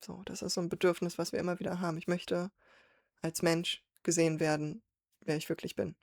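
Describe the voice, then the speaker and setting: A woman's voice: on the low side, little pitch movement, fairly quick, vocal fry, dry recording, studio quality. A woman hosting a song reaction, thinking aloud as she explains the lyrics line by line. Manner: thoughtful, reflective, with fillers. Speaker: reaction video host.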